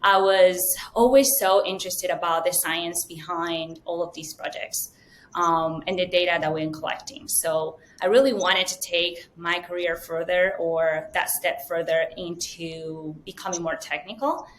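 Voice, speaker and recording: Woman, low voice, earnest. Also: steady tone, unhurried, slight background noise. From Venezuela. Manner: fluent, earnest, many ums. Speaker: guest, data science manager. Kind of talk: interview answers.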